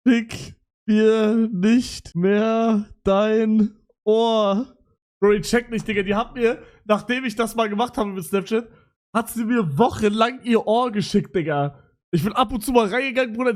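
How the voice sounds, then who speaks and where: A young man streaming live, reacting to messages in loud, excitable, slang-heavy chatter. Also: high-pitched. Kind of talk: casual livestream reaction.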